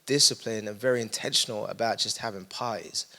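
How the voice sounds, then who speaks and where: A man's voice: fairly low pitch, fairly quick, vocal fry. A man with an East London accent, a young adults pastor talking casually in an interview, telling stories with energy and lots of fillers. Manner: energetic, animated storytelling with many fillers.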